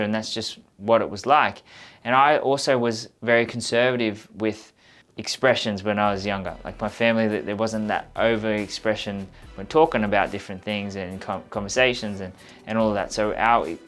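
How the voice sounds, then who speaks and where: A man's voice: on the low side, fairly bright tone. A man giving an instructional, conversational coaching talk, speaking directly and earnestly to the viewer and repeating points for emphasis. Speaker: communication coach presenting a how-to video.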